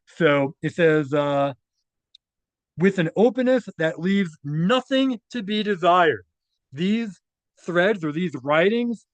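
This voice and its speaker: Reading documents slowly in a high, animated voice, a man adds loose, conversational commentary and keeps tagging his statements with "right?" The recording sounds dry.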